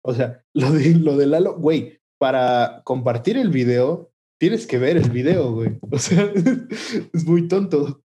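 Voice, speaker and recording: Mexican young male co-host, warm low-key voice, easygoing slang with fillers. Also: unhurried. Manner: relaxed, slangy, hesitant fillers. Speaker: podcast co-host. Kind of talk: casual chat.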